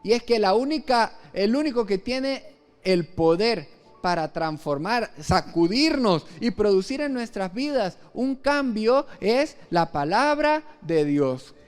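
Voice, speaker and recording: A man's voice: very high-pitched, clean tone. A male pastor from Venezuela preaching a live church sermon, earnest and storytelling, with frequent restarts. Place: church service.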